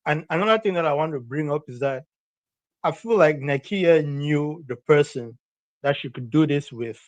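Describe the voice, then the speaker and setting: A man from Cameroon calls in with a slightly high voice, putting his point across in an earnest, measured way. His voice sounds dry and close. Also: dry recording, lo-fi sound. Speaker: caller. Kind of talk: phone-in comment.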